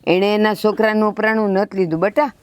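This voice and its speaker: A woman's voice: medium pitch, fairly even intonation, fast talker, no echo, lightly acted. A woman plays an older village mother in a village family drama, soothing and pleading with her children. Her voice is recorded dry and close.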